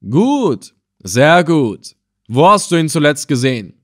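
A man voicing a cruel, scornful male slave trader in an audiobook, threatening and loud. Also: medium pitch, expressive, measured pace, close to an everyday voice. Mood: sneering. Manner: sneering, threatening. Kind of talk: audiobook character voice.

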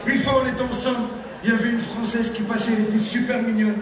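Young male comic from Tunisia, high-pitched, animated; filmed from far back in an echoey hall with crowd noise. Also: quick pace. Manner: animated, acts out characters with pitch jumps. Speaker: stand-up comedian. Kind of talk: stand-up comedy. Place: large theater stage with live audience. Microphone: handheld mic, filmed from the audience.

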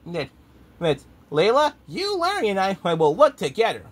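A woman voicing a cheerful tomato character who leads his friends in a fan-made puppet show, talking haltingly with many restarts. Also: medium pitch, huge pitch swings, husky. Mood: bossy.

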